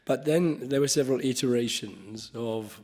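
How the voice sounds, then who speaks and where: A man chairing a conference panel, talking off the cuff with halting restarts and the odd cough. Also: medium pitch, darkish tone. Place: conference hall.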